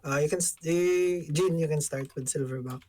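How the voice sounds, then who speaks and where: A man's voice: fairly high pitch, normal speed, mellow. A man running a tabletop game as dungeon master, prompting players in a casual, filler-heavy way.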